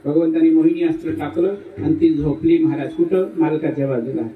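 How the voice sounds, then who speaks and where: Playful high-voiced male preacher, distant and echoey. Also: fairly quick. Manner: animated, playful, teases the audience. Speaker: kirtan preacher. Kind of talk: humorous devotional storytelling sermon. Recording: distant, roomy and dull.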